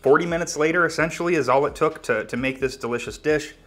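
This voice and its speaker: A man's voice: on the high side, fast, fairly bright tone. A man hosting a home cooking video, talking casually to viewers and tasting his food as he goes, with frequent small self-corrections. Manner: chatty, eating while talking, self-correcting. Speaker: cooking channel host. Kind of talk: casual cooking vlog talk.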